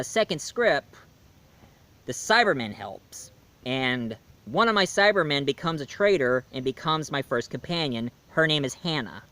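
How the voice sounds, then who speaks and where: His voice is medium-pitched, fairly bright, clear and resonant as this YouTube reviewer casually addresses the camera. He promotes his own audio drama with rambling enthusiasm and frequent restarts.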